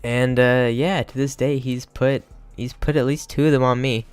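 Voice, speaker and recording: A man's voice: mid-range voice, steady tone, moderate pace, clear, resonant tone, dry recording, faint music behind. A young man telling a crude, joking story in a rambling, casual way, full of fillers.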